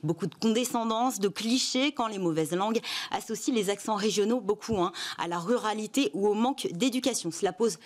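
A woman's voice: medium pitch, fairly quick. Female TV columnist, Parisian accent, mid-range voice, assertive explanatory delivery. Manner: emphatic, addresses viewers directly. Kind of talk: scripted TV column with asides.

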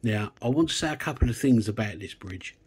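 Husky man explaining guitar repairs. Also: on the low side, a little fast. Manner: chatty, relaxed, explains step by step. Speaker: guitar restorer. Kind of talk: casual workshop demonstration.

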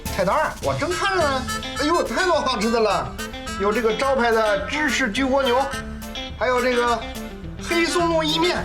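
A man playing a sly, stingy team leader in a comedy sketch, talking in a lively, exaggerated, wheedling way. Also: very high voice, normal speed. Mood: gloating. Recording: music playing under the speech.

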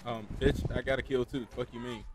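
A man's voice: mid-range voice, level tone, fairly quick, very noisy. A man joking and trash-talking with friends while playing a video game. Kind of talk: casual gaming banter.

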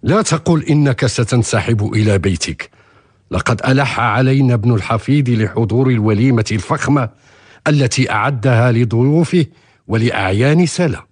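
Husky older father played by an actor. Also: medium pitch, normal speed, close to an everyday voice. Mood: coaxing. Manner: formal, declamatory, persuasive. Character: older merchant father, ambitious, pious, coaxing his son. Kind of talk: historical radio drama acting.

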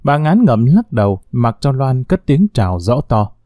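A man reads a scripted story aloud, in an expressive storytelling manner. His voice is dark and mellow. The recording is dry and close. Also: medium pitch, normal speed, no room sound. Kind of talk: scripted narration.

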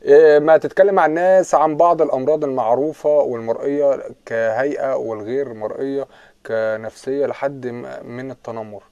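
Young Egyptian male streamer, rapid casual banter, teasing, greets viewers by name, mid-pitched voice. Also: fairly even intonation, clean tone, dry recording, highs cut off. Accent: Egyptian Arabic. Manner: joking, greets viewers by name, breaks into loud laughter. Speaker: livestream host. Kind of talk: casual live chat reading comments.

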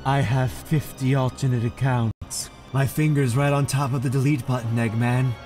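A man's voice: medium pitch, steady tone, normal speed, a little mellow, soft background music, natural voice. A man voicing a cocky, taunting young hedgehog antihero with flippant, mocking delivery in an improvised video game fan dub. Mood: smug. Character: smug, taunting young male anime-style hedgehog antihero.

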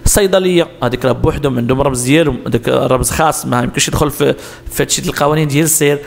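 A driving instructor with a Moroccan Arabic accent explains road sign exam answers step by step, asking questions and answering them himself. His mid-range voice is rapid-fire with vocal fry.

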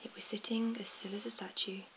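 This is whispered ASMR storybook reading: a woman's mid-range voice, hushed and even, moving slowly and softly. The recording carries a clear hiss along with little mouth clicks.

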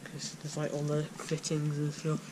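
A teenage boy talks loosely through an abandoned building, peppering his speech with "like" and "guys". His voice sits fairly high but barely moves in pitch. Loud noise from the camera and the site runs under him. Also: completely flat delivery, moderate pace. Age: teens. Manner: loose, filler-heavy commentary with many "like" and "guys". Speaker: urban explorer vlogger. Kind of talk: casual walkthrough narration. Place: abandoned building, indoors and outdoors.

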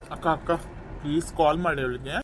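A woman's voice: low voice, fairly quick, a little hiss or hum, natural voice. A woman playing a lovestruck younger brother who pleads with his sister for help in a comedy skit. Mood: pleading. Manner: pleading, wheedling.

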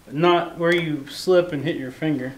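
Brief: middle-aged farmer, patient and gentle coaching tone, recorded in a noisy barn by a camera mic. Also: male voice, fairly high pitch, normal speed. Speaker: farmer teaching a boy carpentry. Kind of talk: patient step-by-step instruction. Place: large metal barn, indoors. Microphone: camera mic, varying distance. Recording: noisy barn, drill sounds.

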